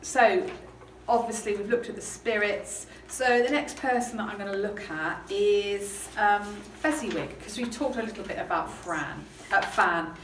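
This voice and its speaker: A woman's voice: medium pitch, normal speed. A woman teacher talking casually through a novel, chatty and hesitant with lots of ums. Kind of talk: casual literature lesson chat. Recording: roomy, distant mic, background noise.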